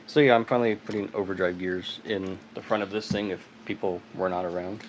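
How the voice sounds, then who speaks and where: A man's voice: deep voice, steady tone, fairly quick, a little hiss or hum, rough recording. A man hosting a casual live stream from his garage, chatting and laughing while he reads out viewer comments. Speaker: livestream host. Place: home garage. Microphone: phone on tripod.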